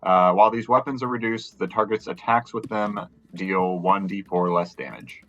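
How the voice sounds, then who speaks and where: A man playing a tabletop game, talking casually and haltingly as he thinks aloud. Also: lowish voice, fairly even intonation, a bit bright, dull audio. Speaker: player.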